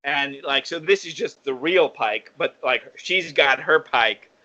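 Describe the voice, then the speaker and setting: A man's voice: mid-range voice, a little slow, sharp tone, lo-fi sound. A man co-hosting a podcast, chatting casually in an analytical way and correcting himself as he goes. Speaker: podcast co-host. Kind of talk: casual chat.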